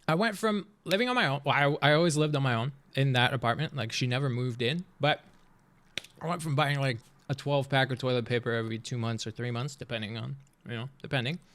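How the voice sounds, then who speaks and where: Here a man in his thirties reacts to a video during a live stream, talking casually, joking, and wandering off on tangents. He speaks at normal speed with a medium pitch, and his volume keeps shifting from loud to soft.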